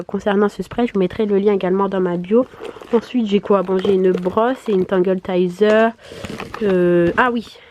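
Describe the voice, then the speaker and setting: A woman chatting casually in a vlog, her voice hoarse, congested and duck-like from swollen tonsils, speaking in a chatty, hesitant way. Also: mid-range voice, a little mellow, a little hiss or hum. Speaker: vlogger. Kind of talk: casual vlog chat to camera.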